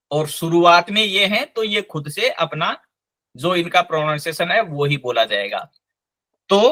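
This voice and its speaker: A man teaching a live online language class, slowly and patiently spelling out each sound. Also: sits high, pushed and bright.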